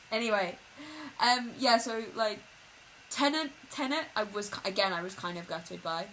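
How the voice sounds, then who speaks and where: A woman's voice: medium pitch, a little slow, a bit bright, low-quality recording. A young woman co-hosting a chaotic podcast, chatty and swearing, often laughing. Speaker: podcast co-host. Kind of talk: casual chat. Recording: faint background noise.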